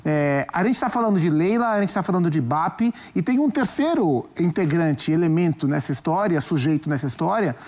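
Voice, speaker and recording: A man with a Brazilian accent giving his view as a commentator in a studio sports debate, measured and often restarting phrases as he thinks. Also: fairly high pitch, expressive, darkish tone. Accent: Brazilian Portuguese.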